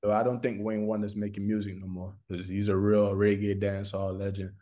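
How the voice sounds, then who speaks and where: A slightly fast, mellow man's voice, lowish and level in tone. He's an American music artist from Florida giving a casual interview, informal and slangy, often repeating phrases for emphasis.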